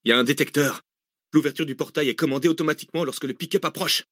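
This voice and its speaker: A man's voice: fairly high pitch, rapid-fire, fairly bright tone, no echo, studio quality, pitched above the performer's own voice. A man reading an audiobook, voicing a terse, cool-headed fugitive with clipped replies. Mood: curt. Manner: curt, clipped, laconic. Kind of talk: audiobook character voice.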